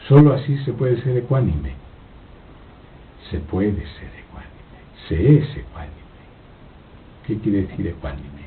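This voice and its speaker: A man giving a slow, reflective philosophical talk, halting and repeating his words, with frequent rhetorical questions. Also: big pitch swings, far from the mic. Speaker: spiritual speaker giving a talk. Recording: old lo-fi tape, phone-like, noisy with rumble.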